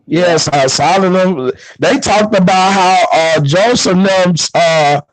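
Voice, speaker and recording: Man, a bit high, rambly panel talker, loud distorting mic, dry. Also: slow pace, no room sound. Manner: rambling, many fillers and restarts. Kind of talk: casual group chat. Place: online voice chat.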